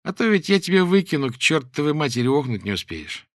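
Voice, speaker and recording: A man voicing a rude thug who speaks loudly and threateningly. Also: a little high, big pitch swings, quick pace, no room sound, clean studio sound, voice pushed up. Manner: gruff, loud, threatening.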